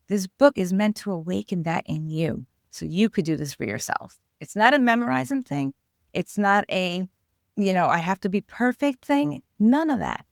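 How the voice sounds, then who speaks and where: A woman's voice: medium pitch, gravelly, no room sound, clean studio sound. A woman with a New York accent, an author talking earnestly as a guest about spiritual growth. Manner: earnest, flowing, explanatory. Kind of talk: spiritual interview talk.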